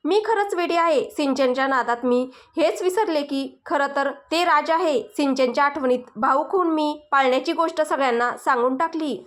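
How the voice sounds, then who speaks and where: A woman's voice: high-pitched, close to an everyday voice. A woman voicing a flustered young wife who pleads and protests in a storybook. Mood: flustered pleading. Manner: pleading, sulky, quick to protest. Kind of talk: storybook dialogue.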